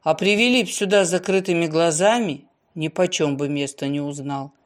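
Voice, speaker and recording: Woman doing a calm, low-voiced middle-aged husband in a storybook reading. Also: moderate pace, natural voice.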